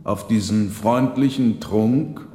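A man's voice: on the low side, slow pace, warm tone, a little hiss or hum. A man voicing an old host and grieving father who speaks earnestly and pleads. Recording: roomy reverberant hall.

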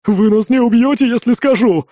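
A man voicing a frightened young captive, the son of a village elder, who pleads in a hurried way. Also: extremely high pitch, warm tone, no echo, clean studio sound, pitched above the performer's own voice. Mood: pleading.

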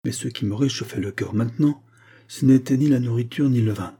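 Male audiobook narrator, mellow and husky, measured first-person storytelling. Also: mid-range voice.

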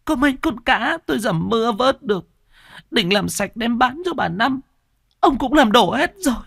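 A man's voice: mid-range voice, wildly swooping pitch, measured pace, creaky, breathy edge, dry recording, studio quality, pitched above the performer's own voice, heavily acted. A man voicing a frightened middle-aged peasant wife who stammers and begs. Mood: pleading. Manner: stammering, tearful begging.

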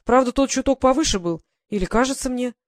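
A woman reading an audiobook, voicing a fond, worried widowed baroness questioning her grown son in a gentle, motherly way. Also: high-pitched, fairly quick, no echo, clean studio sound, voice pushed up, lightly acted. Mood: tender.

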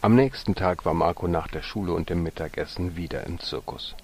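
A man reading a storybook aloud with gentle narration that sometimes drops to a soft whisper. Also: deep voice, a little fast, slight background noise.

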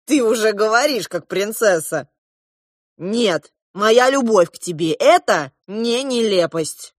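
A woman reading aloud, voicing a blunt, scornful young boy who insists loudly. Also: mid-range voice, animated, a little slow, no room sound, clean studio sound, voice pushed up. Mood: insistent.

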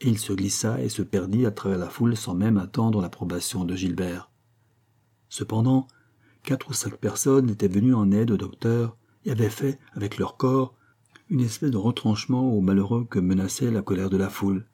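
Husky low-voiced male audiobook narrator. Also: dark tone. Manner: dramatic, measured reading. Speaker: audiobook reader. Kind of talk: scripted narration of a classic novel.

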